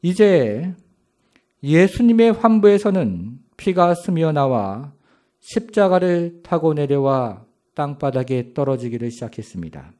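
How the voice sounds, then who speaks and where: A pastor delivers a sermon in a dramatic storytelling style, asking his congregation rhetorical questions. His fairly high, mellow voice is expressive and measured in pace, with pitch swinging widely from phrase to phrase.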